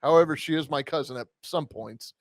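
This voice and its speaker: A man's voice: fairly high pitch, fairly quick. A man co-hosting a casual commentary chat in a wry, joking way. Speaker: commentary show co-host.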